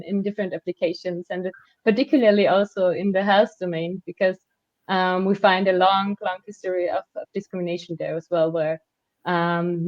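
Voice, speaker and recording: A woman's voice: medium pitch, a little mellow, no echo. A woman expert in a panel discussion, thoughtful and hesitant, with frequent fillers. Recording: dry, dull lo-fi audio.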